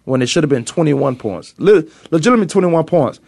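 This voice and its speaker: A man with a Virginia accent hosts a casual sports talk show, arguing emphatically and repeating himself when excited. His fast, fairly high-pitched voice is gravelly and husky, captured in a dry, studio-quality recording.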